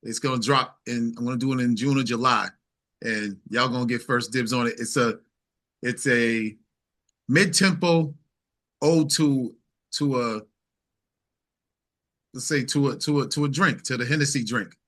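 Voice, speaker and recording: With a mid-range, somewhat bright voice, a singer-songwriter from New York in the United States chats casually as an interview guest. He stops and starts, thinking aloud and repeating words.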